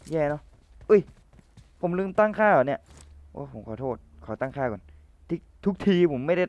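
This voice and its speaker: A young man casually commentating his own game match, playful and chatty with viewers and teammates, his voice a little rough from the cold. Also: a little high, big pitch swings, moderate pace, darkish tone, no echo, muffled recording.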